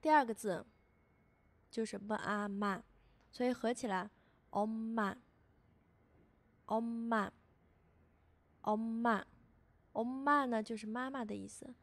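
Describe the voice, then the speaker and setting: A woman's voice: fairly high pitch, fairly even intonation, dry recording. Patient teacher woman, dry close voice. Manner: patient, repeats each syllable slowly for learners. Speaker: language teacher. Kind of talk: scripted lesson voice-over.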